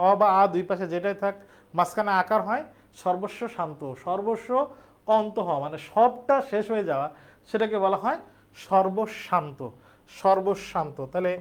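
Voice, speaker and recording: High-voiced teacher. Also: male voice. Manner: explains step by step, asks and answers own questions. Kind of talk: spelling lesson.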